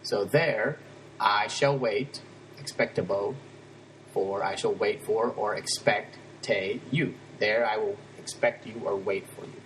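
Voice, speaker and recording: A man's voice: on the low side, fairly even intonation, fairly bright tone, a little hiss or hum, poor audio. A man teaching Latin, explaining a text line by line in a casual, conversational way. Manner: casual, conversational, breaks down grammar with quick asides.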